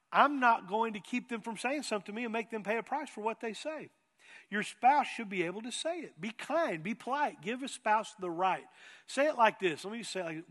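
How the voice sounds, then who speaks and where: A man's voice: sits high, fairly bright tone. A middle-aged man preaching a sermon as pastor, emphatic, often asking the congregation whether they hear him. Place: church sanctuary. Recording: long reverb of a church hall.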